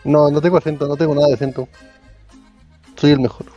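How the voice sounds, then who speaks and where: A man's voice: on the high side, steady tone, dull audio, soft background music. A man with an Aguascalientes accent, bantering with his tabletop group. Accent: Aguascalientes Mexican Spanish. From Aguascalientes, Mexico. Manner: bantering, quick quips. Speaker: tabletop game player. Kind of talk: casual chat on a voice call.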